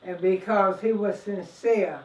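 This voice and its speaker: A woman of ninety, reminiscing in an interview in a halting way, repeating words as she goes. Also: mid-range voice, steady tone. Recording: echoey room, distant muffled mic.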